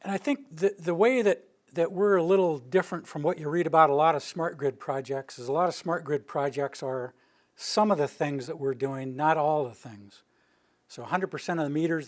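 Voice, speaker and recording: Speaking to a live audience in a meeting room, this Rocky Mountain man, older and approaching retirement, presents informally in his role as a utility planning director. His pitch runs a little above the male average, and he keeps his delivery steady and close to flat.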